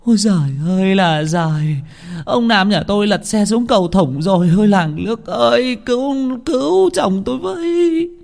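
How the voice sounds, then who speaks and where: A man's voice: high voice, moderate pace, vocal fry, a little mellow, voice pushed up. A man voicing a desperate middle-aged village wife, shrieking for help in a wailing voice.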